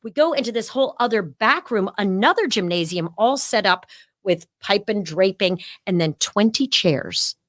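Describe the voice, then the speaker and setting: A middle-aged woman, a podcast guest, telling a story in an animated way and acting out the voices of the people she quotes. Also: mid-range voice, moderate pace, no echo, clean studio sound. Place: podcast studio.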